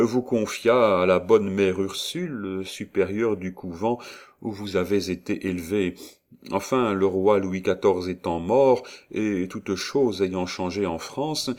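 A man reading a moved, dignified noble father. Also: sits low. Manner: earnest, gently solemn.

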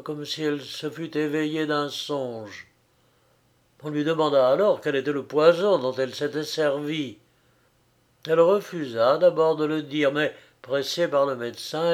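A man narrating classic fiction in a measured, expressive audiobook reading. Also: a little high.

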